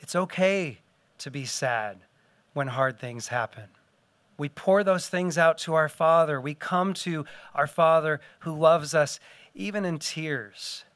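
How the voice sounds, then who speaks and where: A man preaching a sermon, earnest and unhurried, pausing to let points sink in and dropping softly on tender words. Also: fairly high pitch, dry recording. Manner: earnest, unhurried teaching with pauses and soft drops. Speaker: pastor.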